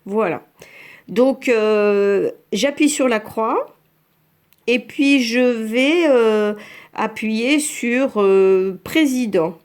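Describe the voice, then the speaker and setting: Here a woman teaches French learners how to use a phone app, talking through each screen slowly and patiently and announcing every tap aloud. Her voice is on the high side with a darkish tone.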